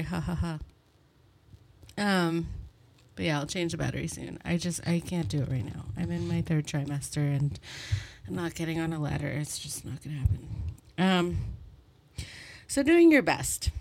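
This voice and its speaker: A woman in her thirties from Montreal hosting her own podcast, talking alone in a chatty, rambling, self-deprecating way. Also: lowish voice. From Montreal, Canada. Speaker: podcast host. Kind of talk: solo podcast monologue. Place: bedroom at home.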